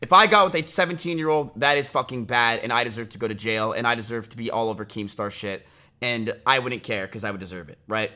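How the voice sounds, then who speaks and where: A medium-pitched male voice, bright and forceful, belongs to a streamer in his twenties broadcasting from a small room at home. He rambles casually with many fillers and restarts, getting heated and blunt along the way.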